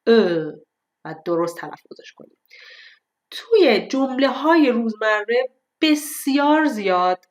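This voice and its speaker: Woman teaching French sounds slowly. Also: a little high, a bit bright. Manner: explains clearly, then says French words slowly and carefully. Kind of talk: online language lesson.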